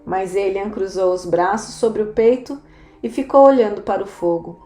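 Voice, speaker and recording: Calm woman narrating an audiobook. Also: medium pitch, moderate pace. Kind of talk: scripted narration. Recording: roomy echo, faint music.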